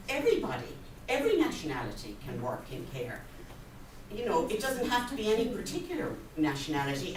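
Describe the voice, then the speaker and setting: Woman with a west of ireland accent speaking up at a meeting, really echoey room, bit far from the mic. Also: mid-range voice. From Connemara, west of Ireland. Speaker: carer advocate speaking from the floor. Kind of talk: impassioned public comment. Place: hotel function room at a public event. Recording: echoey room, distant mic, faint noise.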